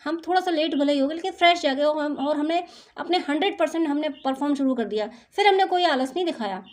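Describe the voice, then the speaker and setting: A woman's voice: sits high, quick pace. A woman doing an intuitive spiritual reading for her viewers, talking in a soothing, motherly, reassuring way. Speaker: spiritual card reader.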